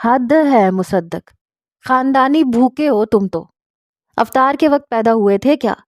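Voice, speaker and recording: A woman voicing a sharp-tongued wife who mocks her hungry husband, in a spoken story. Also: a little high, a little slow, no room sound, studio quality, voice pushed up, lightly acted. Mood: mocking. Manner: mocking, laughs at her own jokes.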